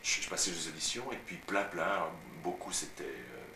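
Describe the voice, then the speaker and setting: At home for a casual interview, a young actor from Paris, France tells chatty stories of his career with a deep voice at normal speed, frequently saying "tu vois." The recording comes from a far camera mic, sounding roomy, distant, and noisy.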